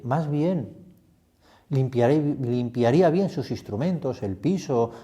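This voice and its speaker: A man's voice: mid-range voice, warm tone. A man, a priest leading a retreat meditation, reflective and putting many questions to the listener.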